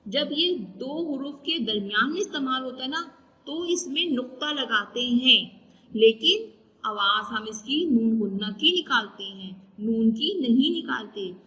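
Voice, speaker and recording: A woman's voice: a little high, lively intonation, measured pace, a bit bright, long reverb tail, rough recording. A woman teacher giving a recorded class lesson, patiently spelling out letters and drawing out each sound.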